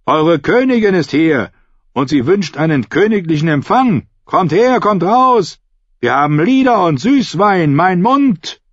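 Brash bellowing knight, raised and loud, as a husky narrator puts him on, dull recording. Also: male voice, high voice, sing-song, measured pace, dry recording, pitched above the performer's own voice, exaggerated voice. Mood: boisterous. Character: boisterous male knight, brash.

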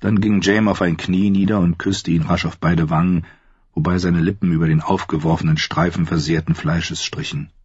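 A man narrating an audiobook in a measured, even storytelling manner. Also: low voice, slightly rough, dry recording. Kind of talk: scripted narration. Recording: dull lo-fi dry recording.

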